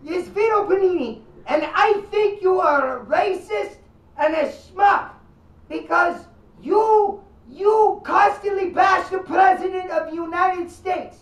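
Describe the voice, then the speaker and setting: A performer voicing an angry male Italian immigrant caller who stammers and shouts insults, in a put-on Italian accent. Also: extremely high pitch, slow pace. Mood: sputtering rage. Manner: sputtering, stammering repeated words, shouting insults. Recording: echoey, distant, dull lo-fi.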